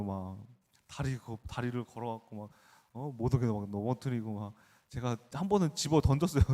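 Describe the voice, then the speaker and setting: A man's voice: mid-range voice, darkish tone, long reverb tail. A man in his thirties, a pastor, preaching an early-morning sermon in a conversational way, with personal stories and questions to the congregation. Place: church sanctuary.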